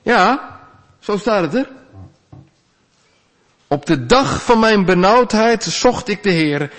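A man preaching a sermon, earnest, rising to loud pleas and dropping to quiet asides. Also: sits high, animated, takes it slowly. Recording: long church reverb.

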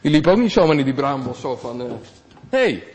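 Man preaching a sermon, conversational, lively rises and drops in pitch. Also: fairly quick, slightly rough. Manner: conversational, animated preaching with wide swings in pitch. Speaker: pastor.

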